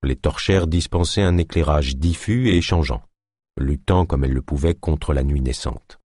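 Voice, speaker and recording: A man reading an audiobook aloud, in measured, even-paced narration. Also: a bass voice, no echo, studio quality.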